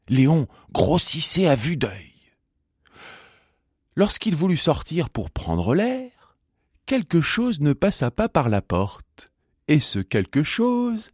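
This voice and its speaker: Slow, lively storybook narrator, a man. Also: medium pitch, dry recording, clean studio sound. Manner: expressive, singsong storytelling.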